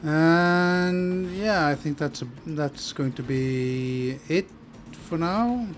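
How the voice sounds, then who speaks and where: Male gaming host, unhurried and hesitant, mid-pitched, casual commentary with game music underneath. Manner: hesitant, thinking aloud. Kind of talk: casual let's play commentary.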